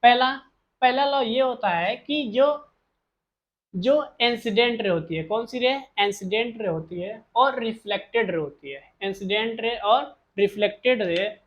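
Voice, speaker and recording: A man's voice: sits high, muffled recording. A male teacher giving a physics lesson, asking rhetorical questions and answering them himself, repeating key terms.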